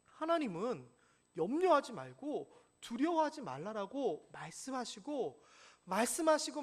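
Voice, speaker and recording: A male pastor preaching a sermon in a church, questioning the congregation and acting out stories. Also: sits high. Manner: animated, asks the congregation questions, acts out stories. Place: church sanctuary.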